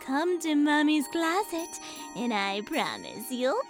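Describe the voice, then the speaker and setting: An actress playing a sweetly sinister old woman shopkeeper in a radio ad, cooing and drawn-out. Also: high-pitched, very animated, music in the background, exaggerated voice. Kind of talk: radio ad parody.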